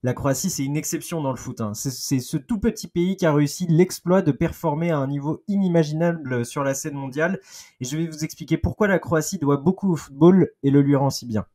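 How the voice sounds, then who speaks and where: A man in his thirties with a French accent, presenting a lively, joking football chronicle on a podcast and backing it with figures. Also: on the high side, fairly quick. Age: 30s. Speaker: football columnist.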